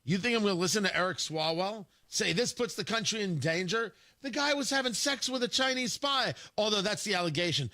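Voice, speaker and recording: Male talk radio host, high and bright-toned, combative and scornful, opinion monologue. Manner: combative and scornful, with frequent restarts.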